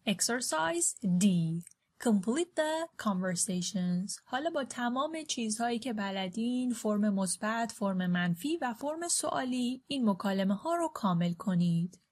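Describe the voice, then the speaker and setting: A woman teaching a beginner English lesson. She reads the English examples slowly and clearly, then explains quickly in Persian. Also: on the high side, expressive. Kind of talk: language lesson.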